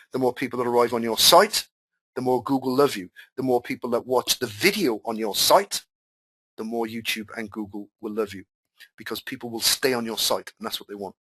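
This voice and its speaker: A Welsh-speaking marketing coach hosts a live webinar over a computer mic, reading out student questions and answering in a chatty, repetitive way. His voice is mid-range with a fairly bright tone.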